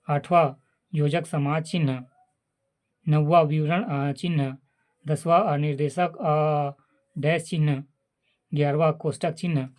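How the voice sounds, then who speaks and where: A man from reading a grammar chapter aloud in a halting way, with many filler sounds and restarts. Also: fairly high pitch, darkish tone. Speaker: teacher reading a grammar book.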